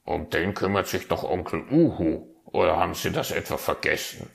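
A man voicing a helpful male raven craftsman in a storybook tale, brisk and croaking. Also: low voice, animated, exaggerated voice.

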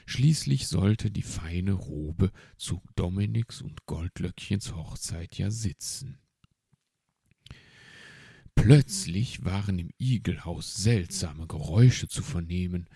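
A man telling a children's story in audiobook narration. His voice is very low and slow with a gravelly, husky texture. The sound is close and dry. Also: warm tone, no room sound.

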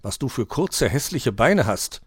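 A man voicing a mocking, boastful male hare in a read-aloud fable, scornful and loud. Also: medium pitch, very animated, measured pace, slightly rough, dry recording, studio quality. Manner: scornful, sneering.

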